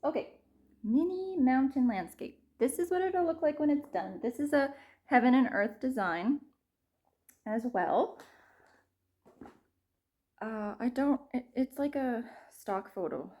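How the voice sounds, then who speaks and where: A woman's voice: high-pitched, animated, a little slow, long pauses, a little mellow. A woman chats unhurriedly about her stitching projects, taking her time over every thought. She wanders off track, corrects herself and laughs at her own slips, her voice sometimes sinking to a near whisper. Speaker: cross-stitch vlogger. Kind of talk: casual show-and-tell.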